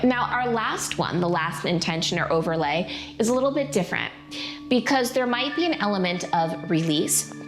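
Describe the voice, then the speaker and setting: A woman teaching prenatal yoga in an informal, encouraging and playful way, guiding listeners through breathing practice. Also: lowish voice. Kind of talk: casual guided yoga instruction.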